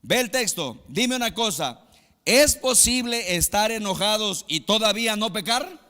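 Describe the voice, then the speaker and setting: Pastor guy from mexico preaching, high bright voice, booms then drops low, big reverby hall. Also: animated, measured pace. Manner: emphatic preaching, swings between loud exclamations and low asides. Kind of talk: sermon.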